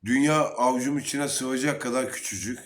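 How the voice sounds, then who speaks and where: A man's voice: medium pitch, a little fast. A man earnestly telling an emotional personal story at a Sufi lodge gathering, quoting the dialogue as he goes. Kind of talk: casual spoken testimony.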